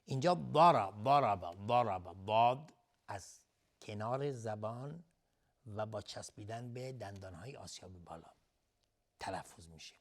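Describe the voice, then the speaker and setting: A male recitation teacher on a TV lesson. He chants verses slowly and melodically, then explains the rules at a quick clip and repeats each sound over and over for practice. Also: lowish voice, darkish tone. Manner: repeats sounds to drill pronunciation. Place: TV studio.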